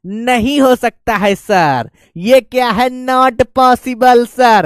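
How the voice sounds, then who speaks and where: A male teacher voicing his cheeky students in slow, whiny mock protest. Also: very high-pitched, clean tone, no room sound, clean studio sound, heavily acted.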